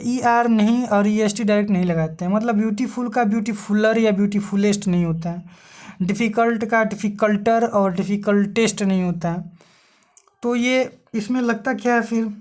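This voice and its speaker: A woman's voice: mid-range voice, darkish tone. A woman giving an online exam-prep grammar lecture as a teacher. She keeps asking rhetorical questions and answering them herself, and spells words out letter by letter.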